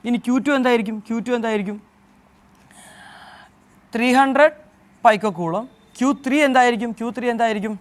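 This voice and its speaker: Man, high voice, tutor from Kerala, exam answer-key lesson, self-questioning, mixes in English terms. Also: brisk, long pauses. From Kerala, India. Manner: asks questions and answers them himself.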